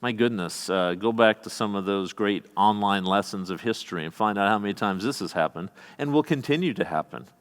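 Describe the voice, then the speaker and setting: A Midwestern American man preaches in a church sanctuary, his low voice carrying a long, lingering reverb. He reads scripture and breaks off into folksy, conversational asides to his congregation. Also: brisk, hardly any pauses, clear, resonant tone. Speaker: pastor. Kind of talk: sermon.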